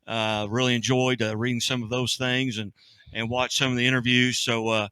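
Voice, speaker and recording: An eager man co-hosting a sports chat, his bright, forceful voice dry and close. He rambles enthusiastically, restarting his phrases as he goes. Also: medium pitch, little pitch movement, moderate pace, clear, resonant tone, dry recording, rough recording. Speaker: co-host. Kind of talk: casual sports talk. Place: cafe studio.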